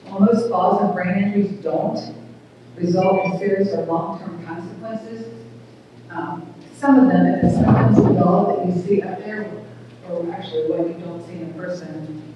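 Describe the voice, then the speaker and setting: A woman's voice: lowish voice, fairly even intonation, recorded from a distance, background noise. Small-voiced woman speaking in a hall. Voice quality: small, thin voice. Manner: earnest, plain-spoken, halting restarts. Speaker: speaker at a community awareness event. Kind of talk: public talk. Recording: echoey hall recorded from afar, dull.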